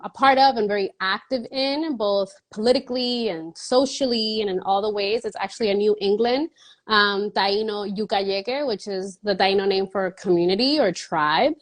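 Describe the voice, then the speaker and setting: An interview guest, a woman in her thirties from the Dominican Republic, gives long, earnest answers with small laughs between phrases. Her voice sits at a medium pitch.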